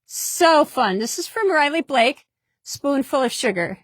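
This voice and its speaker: A woman's voice: sits high, expressive, a little slow, dry recording, studio quality. A woman hosting a casual product demonstration in a fabric shop, chatty and upbeat, often repeating herself.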